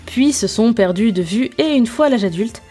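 Mellow-voiced woman podcasting casually. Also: on the high side, animated, normal speed, breathy edge, faint music behind. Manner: informal slangy wording, self-deprecating asides, hesitant searching delivery. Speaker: podcast host. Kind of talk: casual, chatty solo podcast review.

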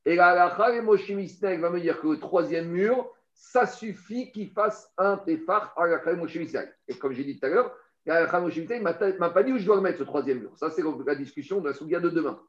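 A man with a somewhat high voice teaches a Talmud lesson, walking through each point step by step and talking straight to the listener. He often repeats words while he searches for how to put things. The sound is roomy and a bit dull, like a lo-fi recording. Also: lively intonation, fast talker, a bit bright. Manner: explains step by step, addresses the listener directly.

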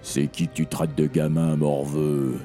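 A gruff old king with a deep, gravelly voice, as a man puts him on for a read-aloud story. He booms his words slowly and with authority. The tone stays dark and crackly, with faint music underneath. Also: big pitch swings, exaggerated voice. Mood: angry. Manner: booming, blustering insults. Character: gruff old male king, short-tempered.

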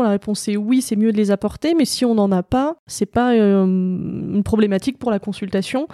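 A woman chiropractor answering interview questions, explaining with frequent pauses and fillers. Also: mid-range voice, dark tone, no echo, studio quality. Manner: hesitant, many fillers and restarts. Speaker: chiropractor guest.

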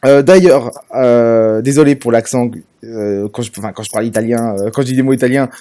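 A man's voice: medium pitch, brisk, dark tone. A man hosting a casual sports podcast, hesitant with many fillers and restarts. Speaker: podcast host.

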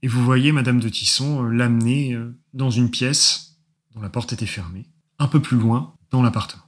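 A man narrating as game master of a tabletop role-playing game, often pausing with fillers. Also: mid-range voice. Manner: hesitant narration with frequent fillers.

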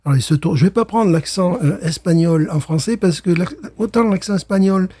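With a high-pitched, slightly rough voice and fairly quick delivery, a middle-aged man co-hosts a laid-back podcast. He's an animated storyteller who laughs while talking, often stammering and repeating words.

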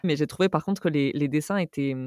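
A woman interviewing in a conversational way, with hesitant, halting phrasing. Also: low-pitched, a little mellow, dry recording, studio quality.

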